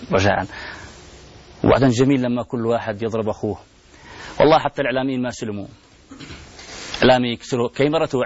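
A man's voice: mid-range voice, breathy edge. A man, hosting a program and making an impassioned appeal full of pleading rhetorical questions and repeated refrains, on dull lo-fi broadcast audio. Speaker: TV program host.

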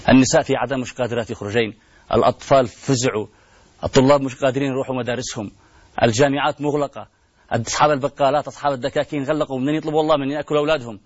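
This TV program host, a man, delivers an impassioned plea full of rhetorical questions and repeated refrains at a very fast pace. His medium-pitched voice holds a steady tone with no room sound, and the broadcast audio is dull and lo-fi.

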